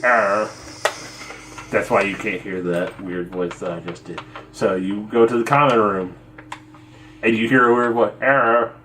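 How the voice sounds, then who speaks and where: A woman's voice: extremely low pitch, steady tone, normal speed, noisy background. A woman narrating a tabletop game as its game master, loose and casual. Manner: loose, casual, swears and laughs.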